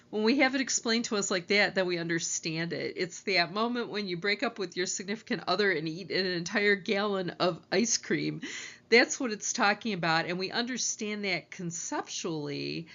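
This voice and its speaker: A woman's voice: on the low side, fairly bright tone. Woman lecturing over slides, chatty explainer vibe, kinda muffled recording. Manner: explanatory, conversational teaching tone. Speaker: college lecturer.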